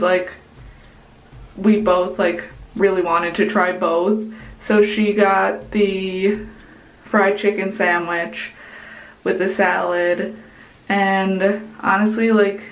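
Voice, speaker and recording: Chatty young woman in an echoey room. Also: medium pitch. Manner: chatty, heavy use of "like" and "um". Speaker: vlogger. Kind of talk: casual restaurant review. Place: indoors, small room with plain wall. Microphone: camera at arm's length.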